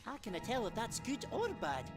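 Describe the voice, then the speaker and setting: Woman doing a high, bouncy fortune teller machine, pushy and chatty, swings all over the place. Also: sing-song, over loud music. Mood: insistent. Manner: eager, pushy, quick to laugh. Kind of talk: fan voice acting for a game mod.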